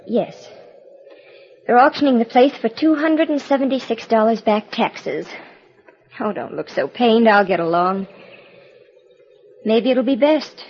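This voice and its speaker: An actress playing a proud, weary and guarded outlaw's widow in a vintage radio western. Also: female voice, fairly high pitch, a little slow, pauses often, breathy edge. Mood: weary, pained. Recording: muffled, band-limited old radio recording.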